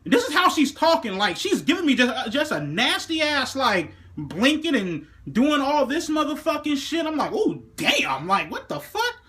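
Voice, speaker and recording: A man with a fairly high voice tells a story in a fired-up, cursing rant. He keeps switching into mocking impressions of the people he describes and addresses the viewer straight on. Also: very animated, normal speed, few pauses, pushed and bright. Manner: heated, swearing constantly, slips into mock voices for others. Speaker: vlogger.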